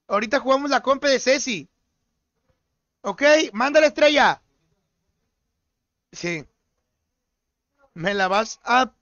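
Young mexican streamer guy, really high bright voice, teasing his squad nonstop. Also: no echo, dull audio. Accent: Mexican Spanish. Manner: joking, teasing chat and teammates, slangy. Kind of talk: livestream gaming chat.

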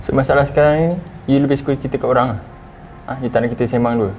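A man's voice: mid-range voice, fairly even intonation, rapid-fire, muffled recording, noisy background. A young man with a Malaysian accent, arguing curtly and confrontationally. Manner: curt and confrontational. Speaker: vlogger in a staged couple quarrel. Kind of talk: staged couple argument.

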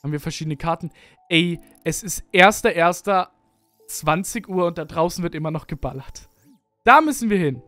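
A young let's play streamer from Berlin talks at normal speed in a slightly high, animated, sharp-toned voice, with no echo and faint music behind. He rambles casually and self-mockingly through his gameplay commentary, recording indoors at home on an arm-mounted studio mic with headphones.

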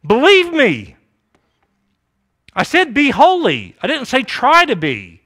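A middle-aged male preacher delivers an emphatic sermon to a live audience, with a high-pitched, bright voice. His pitch leaps up and down as he presses his points. He keeps putting questions to the crowd. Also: wildly swooping pitch, takes it slowly.

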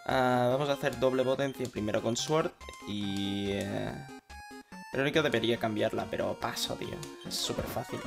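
Swearing and chatting to himself mid-game, this gaming channel host speaks with a Spain Spanish accent in a creaky, medium-pitched voice, keeping his video game commentary casual.

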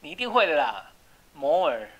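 Patient tutor spelling out English words. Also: female voice, sits low, sing-song, moderate pace, breathy edge, dull audio. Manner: explains words patiently, spells out letters, drills repetition. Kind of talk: home English reading and spelling lesson.

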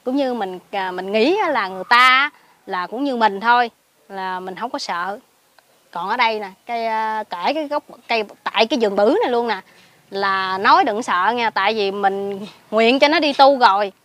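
A woman with a Mekong Delta Southern Vietnamese accent tells her story in a casual spoken way, seated outdoors in a pomelo garden. Her voice sits fairly high, and she drops to hushed asides before bursting into excited exclamations. She speaks as a lay Buddhist recluse answering an interviewer. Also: normal speed. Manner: animated, jumps between hushed asides and excited outbursts.

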